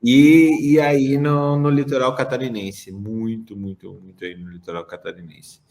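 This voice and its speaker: A man's voice: medium pitch, unhurried. A man hosting a podcast in a casual, chatty way, introducing guests and joking with them. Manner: chatty, lively, with laughs and restarts. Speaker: podcast host. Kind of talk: casual chat.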